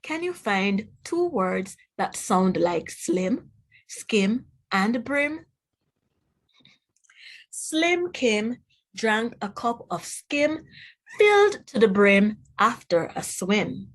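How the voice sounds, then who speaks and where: Reading to children very slowly in a sing-song, medium-pitched voice, a woman with a Jamaican accent teaches phonics. As a teacher, she enunciates each word instructively and puts questions to whoever is listening.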